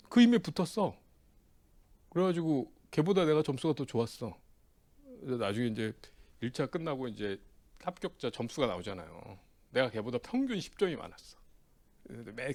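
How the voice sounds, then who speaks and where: A man's voice: mid-range voice, sing-song, normal speed, long pauses, a little mellow. A man teaching an exam prep class in a casual, chatty way, often checking in with the students and acting out old friends' banter. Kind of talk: casual lecture with personal anecdote.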